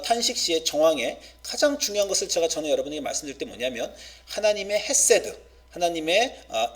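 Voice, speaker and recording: A male pastor preaching a sermon, emphatic, swinging between soft asides and loud stress, with frequent filler pauses. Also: fairly high pitch.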